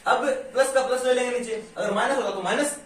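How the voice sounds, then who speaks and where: A middle-aged man teaches maths, his fairly high voice asking again and again whether the class is following. He is picked up from well across a bare, echoing classroom with a faint hiss underneath. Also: fast talker, a bit bright. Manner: patient, checks understanding constantly with "ठीक है?"; slips into rural dialect endings. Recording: echoey room, mic far off, faint hiss.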